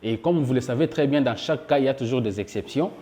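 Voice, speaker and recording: A man teaching English pronunciation in a spoken lesson, patiently repeating each example word slowly and addressing his viewers as dear friends. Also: mid-range voice, mellow. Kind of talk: spoken lesson for French speakers.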